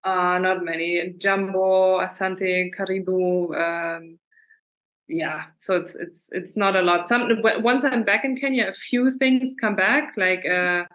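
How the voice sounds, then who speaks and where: A young woman raised in Germany, answering interview questions in a thoughtful, measured and friendly way over a video call. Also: lowish voice, fairly even intonation, a bit bright, low-quality recording. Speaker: guest, fencer.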